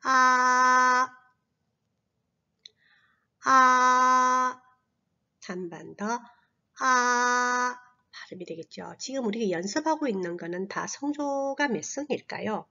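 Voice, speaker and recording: A woman teaching a slow, patient language lesson to children, modeling sounds in long drawn-out tones and dropping to a soft whisper on asides. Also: mid-range voice, animated, dull audio. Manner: drops to a breathy near-whisper on asides.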